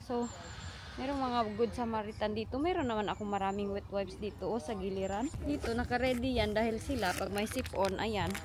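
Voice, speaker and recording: A woman's voice: mid-range voice, brisk. A woman vlogging while she walks her children home, chatting casually and switching between Tagalog and English. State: out of breath. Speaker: mother vlogging a walk home with her kids. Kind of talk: casual vlog chat. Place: outdoors on a street, walking.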